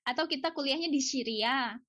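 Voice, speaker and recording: A high-voiced woman, an Indonesian researcher residing in Japan, is a guest on a podcast, chatting casually yet emphatically and sharing strong views through rhetorical questions and occasional English. Her delivery is brisk and a bit bright, with clean studio sound and no echo.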